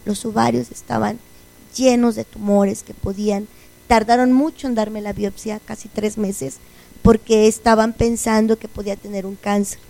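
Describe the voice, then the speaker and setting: Speaking to a congregation, a woman gives an earnest religious testimony, acting out the conversations in her story. Her voice is mid-range, creaky and dark, and the recording is rough.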